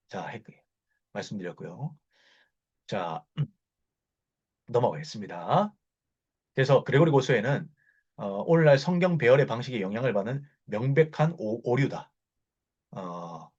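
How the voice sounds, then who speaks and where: Man lecturing, husky voice, lively rising and falling pitch, fillers and restarts, dull lo-fi recording. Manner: explanatory, with frequent fillers and self-corrections. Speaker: Bible lecturer.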